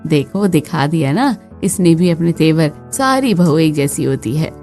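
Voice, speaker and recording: A woman voicing a stern, bossy middle-aged mother-in-law in a dramatized family skit, with a low scolding tone. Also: lively intonation, unhurried, a little mellow, faint music behind. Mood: scornful. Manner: complaining, bossy.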